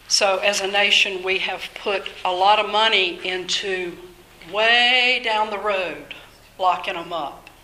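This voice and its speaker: Slow, earnest older woman speaker. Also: medium pitch, pushed and bright, a little hiss or hum. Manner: earnest, measured, faith-minded. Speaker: speaker at a workshop on mental illness. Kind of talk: informal talk to an audience. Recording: echoey room.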